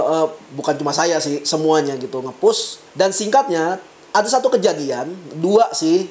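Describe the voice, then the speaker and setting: A woman vlogger telling a story in a casual, slangy monologue, dropping to low asides and rising into emphatic bursts. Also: a little mellow. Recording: echoey room.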